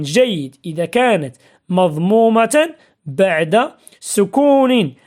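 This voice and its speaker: A woman teaching a spelling lesson, patiently asking and answering her own questions and drilling example words slowly. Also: a little high, a little mellow. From Morocco.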